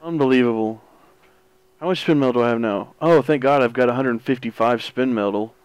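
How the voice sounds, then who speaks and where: A man's voice: medium pitch, a little fast, clear, resonant tone, no room sound. A man playing a video game with a friend, exasperated and protesting with laughs. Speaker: gamer co-op player. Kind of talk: casual gaming chat.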